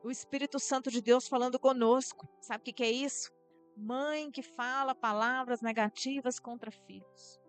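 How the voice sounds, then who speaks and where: A woman's voice: on the high side, fairly even intonation, normal speed, faint music behind. A Brazilian woman pastor preaching a sermon, earnestly addressing the church directly.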